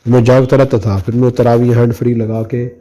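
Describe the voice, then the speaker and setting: A middle-aged male preacher from Pakistan recounts a memory in an easy, conversational sermon style. His voice is mellow and warm, and he speaks at a middle pitch. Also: flat delivery. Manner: conversational, anecdotal, addresses listeners directly. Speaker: Islamic preacher. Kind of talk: storytelling religious talk.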